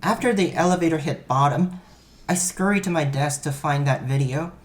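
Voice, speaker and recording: A man's voice: fairly high pitch, normal speed. A man reading a first-person story aloud, in a wry, self-mocking storytelling manner. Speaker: narrator.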